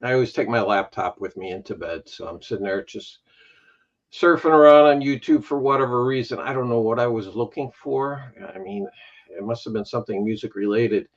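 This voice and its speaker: A man's voice: medium pitch, fairly quick. A man with a Chicago accent telling, in casual livestream chat, how he started his vinyl channel, self-deprecating and laughing at himself. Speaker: YouTube vinyl channel host, guest. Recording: dull lo-fi stream audio.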